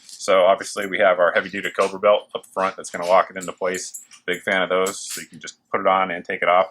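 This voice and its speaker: A man with a very low voice presents gear to viewers like an excited, informal video host. He talks casually and keeps it chatty. Factory machines hum faintly behind him as he talks. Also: fast talker. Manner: enthusiastic, informal. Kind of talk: casual product showcase to camera. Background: working machines and clicks.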